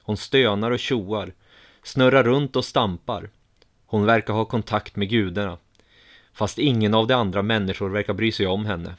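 A man calmly reading a first-person story aloud in an even, measured way. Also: fairly low pitch. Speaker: narrator.

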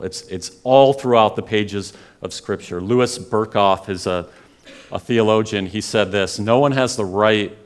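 A man preaching a sermon as pastor, earnest and pleading, building to emphatic peaks and then dropping quiet. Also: deep voice.

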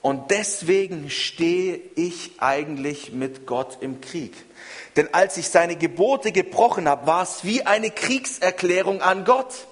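Earnest male preacher in a reverberant hall. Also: sits high. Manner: earnest, measured preaching with repeated phrases. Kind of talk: sermon.

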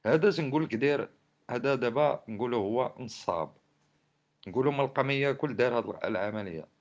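A man with a Moroccan Arabic accent delivers heated social commentary at a rapid clip. His voice sits at an average male pitch. He sounds indignant and scolding, pressing his points with one rhetorical question after another. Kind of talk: impassioned spoken commentary on society and government.

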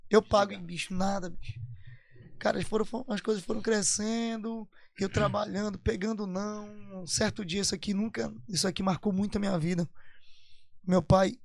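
A man's voice: high-pitched, fairly even intonation, moderate pace, creaky. A man from Parintins, telling his story as a guest musician in a casual, emphatic way, repeating phrases for weight. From Parintins, Amazonas, Brazil.

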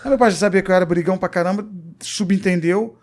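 A Brazilian man, a comedian guest, telling a story in casual interview talk, profane and animated, acting out what people said. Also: sits high, fast, slight background noise. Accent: Brazilian Portuguese.

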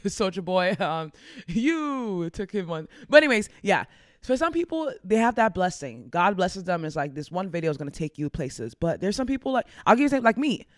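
A woman's voice: lowish voice, no echo, studio quality. A woman content creator giving casual, upbeat advice in a chatty way, laughing often.

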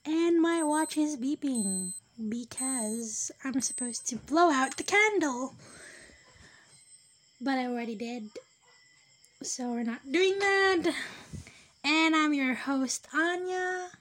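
Rambling young woman podcaster, slow talk. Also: high-pitched. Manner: rambling, self-deprecating, drifting between whispers and louder bursts. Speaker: podcast host. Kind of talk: casual solo podcast chat.

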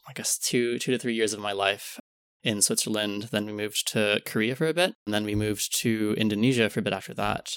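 Podcast guest: man in his twenties from the Philippines, lowish voice, dry close sound, reflective and hedging. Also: a bit bright, no room sound. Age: 20s. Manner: thoughtful, hedging with "I guess" and "I suppose". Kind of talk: casual chat.

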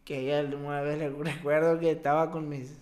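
A young man from Mexico, a baseball player, telling a personal story as a podcast guest, with an emotional, halting delivery and many restarts. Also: on the high side, level tone, a crowd in the background. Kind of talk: casual interview storytelling.

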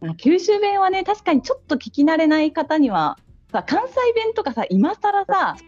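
A woman with a Hakata dialect explains things in an animated way, her pitch swinging widely as she talks. The recording sounds slightly dull and lo-fi, and faint music plays behind her. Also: normal speed. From Fukuoka city. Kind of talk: casual chat.

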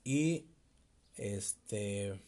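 A young man with a Mexico City accent, telling a personal story in a casual, slangy, animated way with bits of laughter. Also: lowish voice, very slow. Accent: Mexico City Spanish. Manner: slangy, laughing, animated retelling with quoted voices. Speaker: vlogger.

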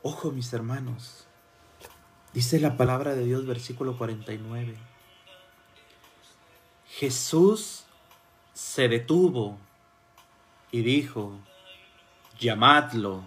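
A man preaching a sermon, dropping to soft murmurs and then rising to loud fervent cries as he calls out to his listeners as brothers. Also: mid-range voice, takes it slowly, pauses often, soft background music.

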